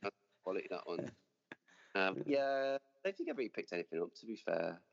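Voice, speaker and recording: A man talks casually and rambles, circling back and restarting his sentences. His voice sits very low. The call audio is muffled, with a long reverb trailing behind him. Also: sing-song, brisk, gravelly. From English Midlands. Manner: chatty, rambling with many restarts and fillers. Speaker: dentist guest. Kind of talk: casual interview.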